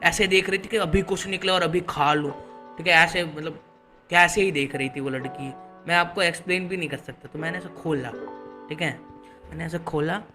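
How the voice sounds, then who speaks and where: A young man from Gujarat, telling a school story in a casual, animated, slangy storytime style. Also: fairly high pitch, moderate pace, music in the background. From Gujarat, India. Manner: animated, slangy, peppered with buddy fillers.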